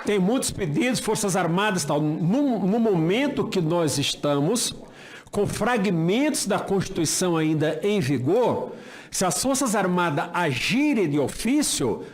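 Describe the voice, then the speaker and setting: A man's voice: high voice, big pitch swings, unhurried. An older Brazilian man giving an impassioned political speech, emphatic, with rhetorical questions and repeated phrases. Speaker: speaker at a senate hearing, former judge.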